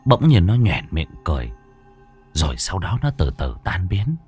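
Expressive low-voiced male ghost-story narrator. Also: normal speed, slightly rough, soft background music. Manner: lively, expressive storytelling with big pitch swings.

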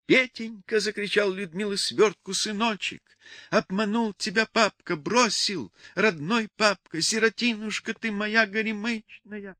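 A man doing a shrill wailing village woman. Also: brisk, bright, forceful tone, no room sound, studio quality. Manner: lamenting, shrill.

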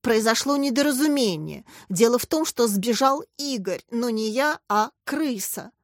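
A woman voicing a calm, polite grown man who is a teacher, with a soft, embarrassed, explaining manner in a storybook reading. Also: on the high side, unhurried, dry recording, studio quality.

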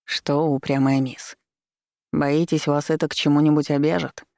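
A reader voicing a teasing, domineering male demon who speaks low and drawn-out. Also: level tone, creaky, a little mellow, no echo, clean studio sound, natural voice.

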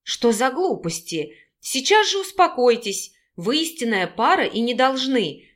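A woman's voice: on the high side, expressive, a little slow. Storybook mother: older, fretful, soothing and doting , voiced by a woman. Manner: pleading, coaxing.

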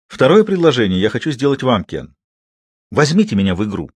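A man voicing an excitable, aging French gentleman who proposes grandly and talks in effusive exclamations. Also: medium pitch, a little fast, husky, dry recording. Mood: eager.

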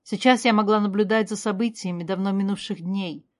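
A woman reading a first-person fantasy story aloud in a steady, clear voice. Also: medium pitch, brisk. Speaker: narrator.

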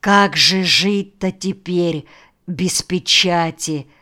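A woman's voice: on the low side, takes it slowly. A woman reading the lines of a fussy, suspicious male village official who keeps pressing his point. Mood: anxious. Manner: insistent, officious.

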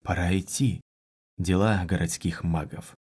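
A reader puts on a smug, unflappable male mage. His voice drops low and quiet, and every line comes out dry and mocking. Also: steady tone, a little slow, husky.

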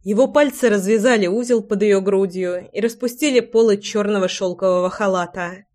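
A woman's voice: mid-range voice, normal speed, darkish tone. Woman narrating a romance audiobook. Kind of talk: scripted narration of a romance novel.

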